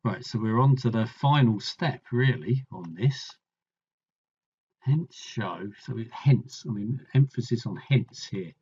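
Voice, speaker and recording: A man's voice: on the low side, animated, measured pace, darkish tone, breathy edge, muffled recording. A man tutoring, thinking aloud as he works through a maths problem, musing and trailing off mid-sentence.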